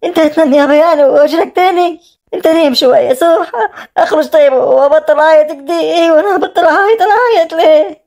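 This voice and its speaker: A woman with an Egyptian accent voicing a grief-stricken young daughter pleading over her father in an animated drama. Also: high-pitched, racing. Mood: grieving. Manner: sobbing, pleading.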